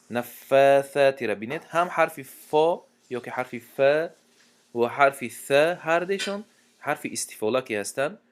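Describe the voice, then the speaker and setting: A man with a Tajik accent teaching Quran recitation, chanting verses slowly and melodically, then explaining quickly in a lower voice. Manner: alternates drawn-out melodic Arabic recitation with rapid low-pitched explaining.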